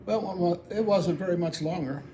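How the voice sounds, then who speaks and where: A man's voice: high voice, fairly quick, dark tone. A middle-aged or older American man tells a personal story in a plain-spoken, folksy, casual monologue. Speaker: amateur video storyteller. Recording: clearly audible background noise.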